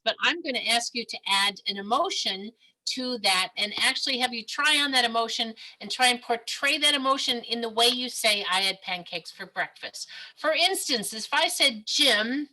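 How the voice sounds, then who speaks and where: A woman's voice: a little high, bright, forceful tone, rough recording. A woman leading an improv workshop over a video call. She is encouraging and upbeat, and she laughs often. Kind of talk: leading a group exercise.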